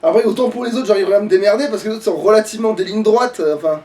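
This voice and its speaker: A let's play streamer talks very fast in a high-pitched, darkish voice, grumbling and swearing at himself and the game in casual commentary as he plays. His mic is distant, with game music playing behind him.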